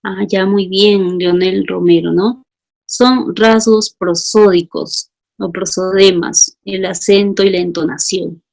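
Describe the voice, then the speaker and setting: Woman teacher with a gravelly voice, reading out student answers and pressing for justifications. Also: medium pitch, fairly even intonation, slow pace, darkish tone. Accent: Peruvian Spanish. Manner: calls students by name, asks for justifications.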